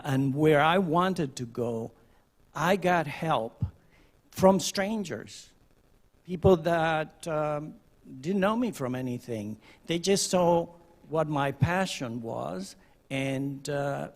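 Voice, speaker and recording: A man on a panel speaking earnestly, with many pauses. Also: a little high. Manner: slow and earnest, with frequent pauses. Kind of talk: reflective panel talk.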